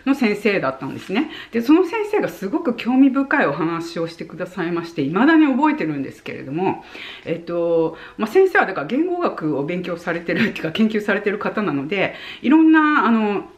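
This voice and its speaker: A woman in her forties, from Japan, talks casually to her viewers with lots of gentle filler words. Her voice rises and falls widely, so she sounds animated as she acts out how tone changes what words mean. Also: mid-range voice, fairly quick. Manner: chatty, with many soft fillers and friendly asides; animated, demonstrating points with voice tone. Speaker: vlogger. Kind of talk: casual advice talk to camera.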